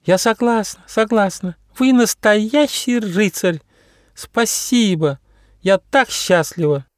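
A man's voice: high voice, slow pace, dry recording, voice pushed up. A man doing a fragile little butterfly lady. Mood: joyful. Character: delicate fragile female butterfly, emotional. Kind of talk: audiobook character voice.

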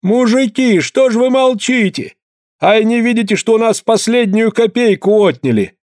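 Man doing a shrill wailing widow, very high lively voice, dry. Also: moderate pace, dry recording. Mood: lamenting. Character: wailing peasant widow woman.

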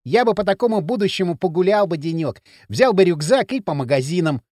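A man voicing a timid, eager teenage schoolboy in an audiobook, nervous and quick to agree. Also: high-pitched, animated, a little mellow, no room sound, clean studio sound. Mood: dreamy. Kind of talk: audiobook character reading.

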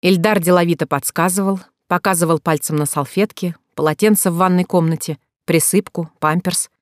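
An audiobook narrator giving measured, scripted narration. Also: mid-range voice, dry recording, clean studio sound.

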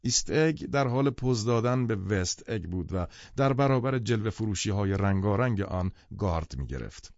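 A male audiobook narrator with a gravelly, creaky voice reads with lively, wide-ranging intonation. The recording is dull and lo-fi, with a dry, close sound and no room echo. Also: fairly low pitch, few pauses. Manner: lively, expressive reading. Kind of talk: scripted narration.

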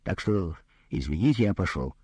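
Man voicing a brusque, condescending doctor in a comic story reading, husky low voice. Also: animated, normal speed, darkish tone, dry recording. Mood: gruff. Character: greedy gruff male doctor, rude and businesslike.

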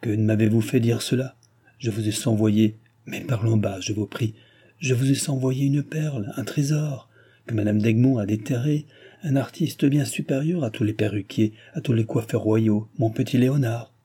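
A man's voice: medium pitch, moderate pace, natural voice. Man doing a suave old courtier. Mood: ironic. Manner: smooth, ironic, flattering.

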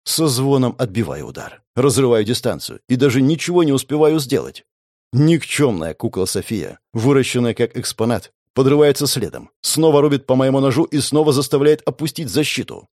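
A man's voice: mid-range voice, expressive, normal speed, darkish tone, no echo, clean studio sound. A man reading a first-person audiobook in a tense, gritty storytelling manner. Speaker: audiobook narrator.

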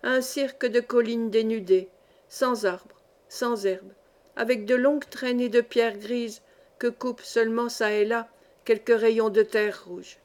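Female audiobook narrator, measured storytelling, slightly high voice. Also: fairly even intonation, darkish tone. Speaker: audiobook reader. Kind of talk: scripted narration.

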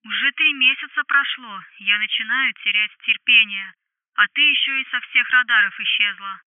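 Menacing guy on a tinny phone call, a woman putting him on, smooth and steady. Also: on the high side, normal speed, no room sound. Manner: coaxing, then cold and threatening. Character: menacing male debt collector on the phone. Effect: phone filter.

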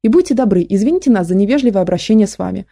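Teen boy, voiced by a woman narrator, brave, stiffly polite; audiobook, dark timbre. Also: medium pitch, expressive, very fast, creaky. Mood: stern polite. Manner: formal, mock-polite. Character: teenage boy holding a gun, brave but shaky.

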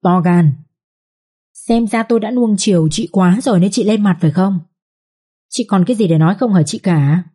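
A woman voicing a cold, domineering older matriarch who speaks slowly and hisses through her teeth. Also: medium pitch, warm tone, husky, close to an everyday voice. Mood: hissing.

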